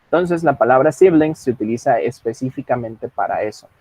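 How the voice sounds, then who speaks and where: A man teaching English in an online class, explaining calmly and reading English example lines slowly. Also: mid-range voice.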